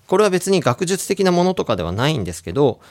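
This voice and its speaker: Lively man hosting an English lesson. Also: a little high, fast talker. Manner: playful doctor role, casual asides. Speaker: radio show host and English coach. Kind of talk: explanatory radio lesson.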